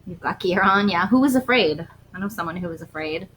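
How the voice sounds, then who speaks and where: A woman's voice: fairly low pitch, lively intonation, a little fast, a bit bright, slight background noise, rough recording. A woman and parent casually interviewing her child at home, prompting with leading questions and filling in answers. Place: family home.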